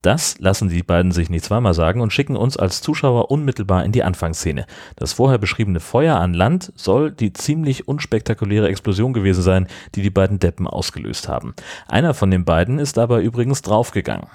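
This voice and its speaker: A man narrates a film recap, dry and mocking in tone. His voice sits fairly low. The sound is dry and close, with no room around it. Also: very animated, brisk, darkish tone, no room sound. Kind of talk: scripted narration.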